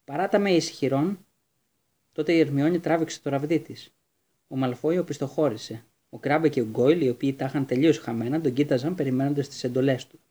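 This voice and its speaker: A man narrating a storybook in a steady, measured reading. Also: medium pitch, breathy edge. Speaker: audiobook narrator.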